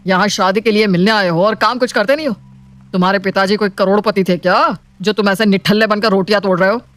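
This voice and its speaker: Rich: A commanding, scolding middle-aged father from a cartoon storybook, proud of his wealth and strict with his daughter, voiced by a woman. His voice sits at an ordinary pitch, with soft music faintly underneath. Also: steady tone, quick pace, natural voice. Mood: stern. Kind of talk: animated storybook voice acting.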